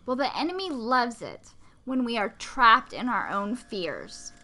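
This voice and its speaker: Slow, bright-voiced woman co-hosting devotionals. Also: a little high, wildly swooping pitch. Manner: encouraging, gently preachy. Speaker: podcast co-host.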